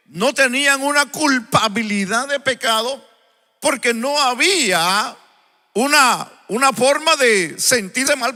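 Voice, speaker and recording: Male preacher, live sermon, unhurried storytelling, keeps asking the congregation, crisp bright tone, big reverberant sanctuary. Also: very high-pitched. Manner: unhurried storytelling, often asks the congregation "¿verdad?". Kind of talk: live sermon with opening prayer. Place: church sanctuary. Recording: long church-hall reverb.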